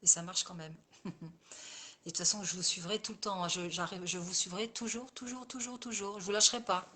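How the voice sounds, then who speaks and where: A woman's voice: lowish voice, fairly even intonation, fairly quick, pushed and bright. A woman coach and therapist talking casually with viewers in a live session, speaking to them by name and often circling back over the same phrases.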